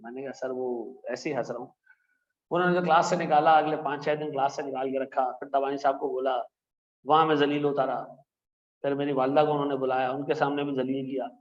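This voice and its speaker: A man's voice: medium pitch, flat delivery, quick pace. A male accounting teacher who lectures in a chatty way, telling stories and often asking "theek hai na?". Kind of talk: classroom lecture with anecdotes. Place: classroom. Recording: echoey classroom, dull lo-fi sound.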